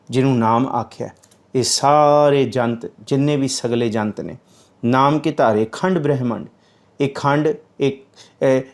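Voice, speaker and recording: A man giving a religious scripture commentary, reciting verses slowly and then explaining them in plain speech. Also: medium pitch, a little mellow.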